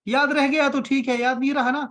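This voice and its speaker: A man's voice: very high voice, flat delivery, fairly quick, fairly bright tone. A man from Pakistan teaching an online Arabic class on a call, patient and encouraging, repeating each point.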